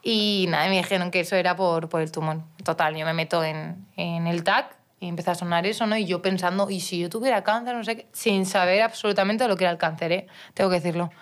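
Young woman recounting her story, low-pitched. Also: fairly even intonation, fast talker, few pauses. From Mallorca, Spain. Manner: storytelling with many restarts and quoted dialogue. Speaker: guest, professional footballer. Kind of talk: casual interview chat.

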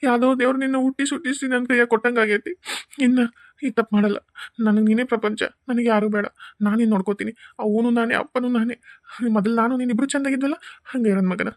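A woman voicing an angry, protective father who scolds fast and heatedly, with a North Karnataka accent. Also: a little high, fairly even intonation, no room sound, studio quality, voice pushed down, lightly acted. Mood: grieving. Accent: North Karnataka Kannada.

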